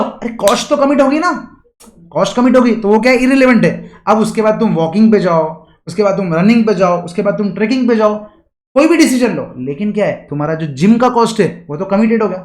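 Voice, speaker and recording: A man teaches an exam revision lecture in a high, lifted voice. He keeps throwing rhetorical questions at his students and explains with everyday examples. The room around him is roomy and echoey. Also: a little mellow.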